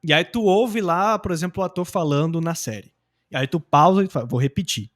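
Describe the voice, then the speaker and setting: Young brazilian guy teaching english, pretty high voice, loose and slangy, really animated. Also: a little fast. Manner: animated and slangy, acting out example phrases. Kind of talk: casual teaching talk.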